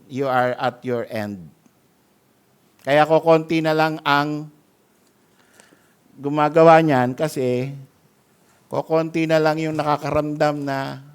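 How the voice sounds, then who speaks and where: Slow high-voiced pastor preaching. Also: male voice, clean tone. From Philippines. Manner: emphatic preaching with wide swings in loudness. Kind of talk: sermon. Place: church sanctuary.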